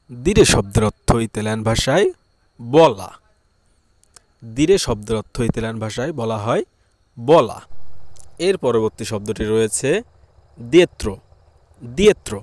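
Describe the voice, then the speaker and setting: A man from Bangladesh with a Bangladeshi Bengali accent, teaching a language lesson and slowly repeating each word and its meaning. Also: medium pitch, darkish tone, dry recording.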